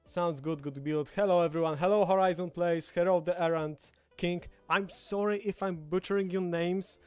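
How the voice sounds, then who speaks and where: A man from Poland chats casually as the host of a livestream, speaking his native Polish with a Polish accent. His voice is high-pitched yet darkish and smooth, with fairly even intonation at normal speed. He's at an indoor table with a streaming setup, and background music plays.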